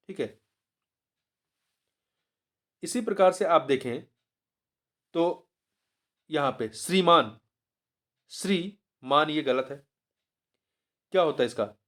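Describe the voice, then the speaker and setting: A man teaching as he works through a test paper, explaining each answer and repeating the key word slowly, sometimes stopping to correct himself mid-word. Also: fairly high pitch. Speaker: exam prep teacher.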